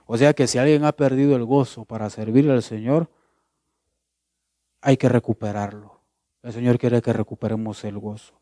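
A man's voice: mid-range voice, fairly even intonation, normal speed, long pauses, mellow, no room sound, studio quality. A man preaching a sermon as pastor. He asks questions and answers them himself, and he repeats words and phrases for emphasis.

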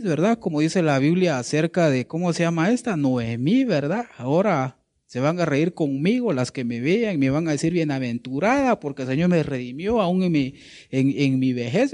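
A man's voice: a little high, a little mellow. A male preacher giving a sermon, asking his listeners questions and often adding "right?", sometimes searching for words mid-sentence. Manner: asks the congregation rhetorical questions, repeats "¿verdad?".

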